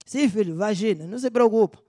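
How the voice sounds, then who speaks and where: A comedian playing an uneducated, blunt older father with an Angolan Portuguese accent, speaking loudly and insistently. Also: mid-range voice, a little fast, lightly acted. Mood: stubborn. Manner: shouting, raised and insistent. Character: uneducated older man from the provinces, blunt and loud. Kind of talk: stand-up comedy character voice.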